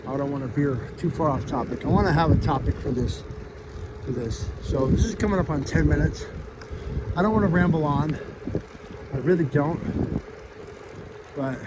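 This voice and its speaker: Higher-voiced man, slight lisp, noisy outdoor vlog. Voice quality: slight lisp from missing front teeth. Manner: earnest, rambling, plain-spoken street talk. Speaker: vlogger. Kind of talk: casual motivational vlog talk to followers. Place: outdoors on a bike trail, riding an electric bike. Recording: outdoors with loud wind and traffic noise.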